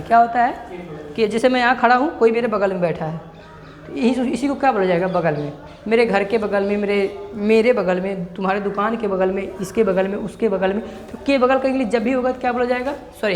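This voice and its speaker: A man with a high voice teaching a grammar class. He keeps asking the students questions and then answering them himself. The recording has a roomy echo. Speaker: English teacher. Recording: echoey room.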